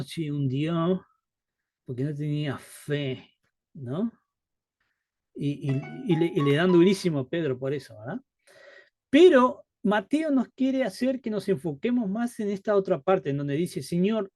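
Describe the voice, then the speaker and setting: A man's voice: high-pitched, darkish tone, dry recording, clean studio sound. A man leading a live Bible study, talking conversationally, asking rhetorical questions and acting out quotes.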